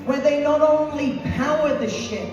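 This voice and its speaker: A woman's voice: sits high, fairly even intonation, normal speed, recorded from a distance, dull audio. A woman speaking as an upbeat cruise director, rallying a crowd from the stage with emphatic live introductions. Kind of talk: live stage announcing, introducing officers to an audience. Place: on stage in a cruise ship venue. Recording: echoey PA in a large hall, music and crowd. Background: music and audience noise.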